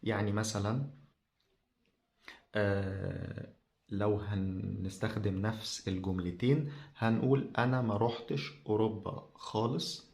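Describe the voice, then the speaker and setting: Low gravelly-voiced Egyptian man teaching. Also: steady tone, a little mellow. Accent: Egyptian Arabic. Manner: slow and halting, many drawn-out fillers. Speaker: Arabic teacher. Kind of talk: podcast language lesson.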